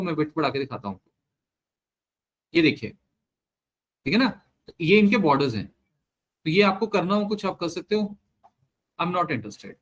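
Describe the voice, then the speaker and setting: A man giving a step-by-step screen-share software lesson, mixing Hindi with English terms and often checking in with the learner. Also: on the high side. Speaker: software trainer.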